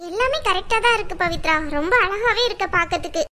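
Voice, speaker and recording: A woman's voice: very high-pitched, quick pace, sharp tone, slight background noise. A woman voicing an anxious, pleading young wife in a cartoon. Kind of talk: cartoon voice acting.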